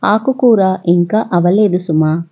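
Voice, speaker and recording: A woman's voice: fairly low pitch, slow, husky, narrow, tinny audio, full character voice. A woman voicing a fussing, caring middle-aged mother-in-law in a storybook tale.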